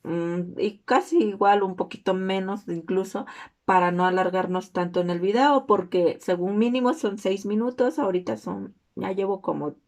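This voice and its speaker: A young woman with a Mexican accent and a naturally hoarse voice, giving an earnest, informal class presentation. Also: normal speed, darkish tone. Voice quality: hoarse, low-toned voice.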